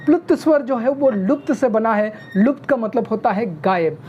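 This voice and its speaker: A woman teaching a video grammar lesson, who often checks in with "okay?" and sounds out vowels slowly. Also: fairly high pitch, animated, darkish tone, a little hiss or hum. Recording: dull lo-fi recording.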